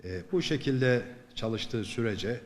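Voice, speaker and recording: A middle-aged Turkish military commander, a man giving a formal official statement in measured phrases, pausing often between them. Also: medium pitch, lively intonation, a little hiss or hum.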